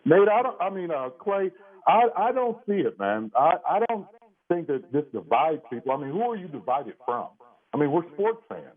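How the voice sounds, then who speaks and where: A man's voice: fairly high pitch, very animated, moderate pace. A man calling in to a radio show over a phone line. He is eager and often restarts his sentences. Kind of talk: call-in chat with the host.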